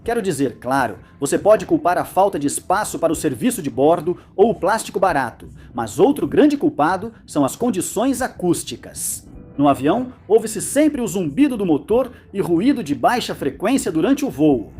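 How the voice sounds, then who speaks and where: Explainer narrator, medium pitch, animated delivery, light music underneath. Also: moderate pace. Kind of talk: scripted educational narration.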